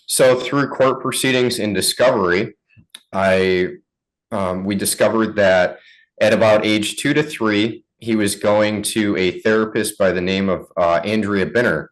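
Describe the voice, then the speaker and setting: A father giving an interview, recounting events in a measured, earnest way. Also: fairly low pitch, fairly even intonation, poor audio. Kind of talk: interview answers.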